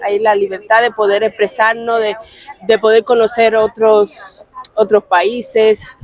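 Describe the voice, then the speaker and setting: A woman from Cuba with a Cuban Spanish accent, giving soft, brief answers in a street interview. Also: fairly high pitch, little pitch movement, a little slow, no room sound. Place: outdoors on a street.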